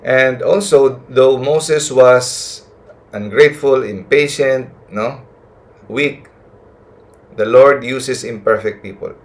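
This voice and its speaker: A man's voice: mid-range voice, slow. A man giving a retreat talk, mixing Tagalog and English and often checking in with a questioning "no?". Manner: keeps adding a questioning "no?" to check the listeners follow; addresses listeners as brothers and sisters. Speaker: retreat speaker.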